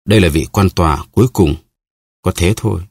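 A man's voice: sits low, brisk, dry recording, clean studio sound. A man voicing a grim, pious executioner.

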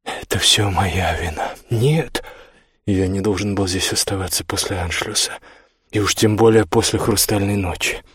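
Man doing a hushed, guilt-ridden young man. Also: moderate pace, breathy edge, no echo, studio quality. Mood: resigned. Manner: hushed, low and resigned. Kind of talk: audiobook character voice.

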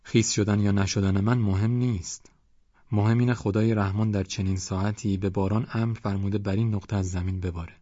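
A man voicing an older male cleric, calm and pious, who speaks in a serene, measured, preaching way. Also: fairly low pitch, no room sound, lo-fi sound, natural voice.

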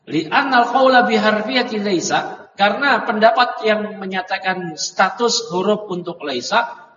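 A high-voiced man leads a classroom grammar lesson. He translates line by line, drills his students and corrects their reading, peppering his talk with "ya" and "nah". His voice is caught from far off in a roomy hall, dull with a faint hiss. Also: a bit bright. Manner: frequent "ya" and "nah" fillers. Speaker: religious teacher. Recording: dull echoey hall recording from afar.

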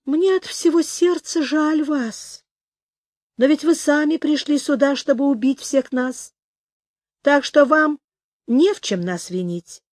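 A woman voicing a small, calm young male rabbit in an audiobook, speaking softly, slowly and steadily with gentle sorrow. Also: sits high, no echo, studio quality, pitched above the performer's own voice. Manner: soft, slow and steady.

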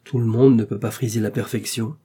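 A man's voice: fairly low pitch, steady tone, a little fast, warm tone, husky. A man reading aloud, voicing a mocking, courtly man of society in an audiobook. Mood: ironic. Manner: ironic, courtly.

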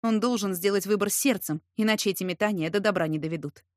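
A woman narrating a first-person romance story in a steady, expressive storytelling voice. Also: medium pitch, quick pace, no echo, clean studio sound.

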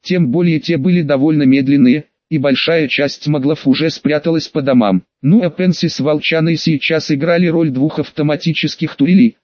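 A man's voice: a little high, moderate pace, hardly any pauses, no echo. Man narrating a fantasy audiobook. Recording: dull lo-fi, dry sound.

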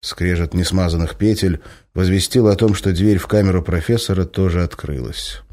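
A man reading an audiobook in steady scripted narration. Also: deep voice, normal speed.

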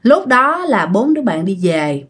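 A woman's voice: mid-range voice, big pitch swings, measured pace, a bit bright, breathy edge. A woman with a Southern Vietnamese accent casually retelling a ghost story, chatting directly to her listeners.

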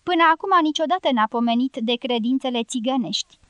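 A woman's voice: on the high side, a bit bright, no echo, lo-fi sound, lightly acted. A woman reading an audiobook voices a dry, skeptical young American man thinking aloud in a wry, reasoning way. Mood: musing. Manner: wry, reasoning inner monologue.

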